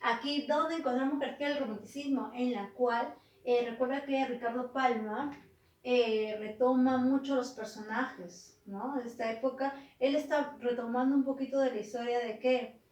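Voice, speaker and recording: A woman teacher, retelling a tale in a lively way, often ending with a tag question. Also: a little high, normal speed, distant mic. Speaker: literature teacher. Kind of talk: retelling a story in a lesson. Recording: roomy, from off the mic.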